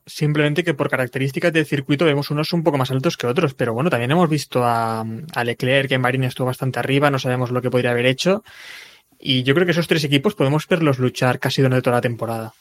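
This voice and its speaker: Man, rapid pace, mid pitch, informal panel chat. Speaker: motorsport podcast panelist.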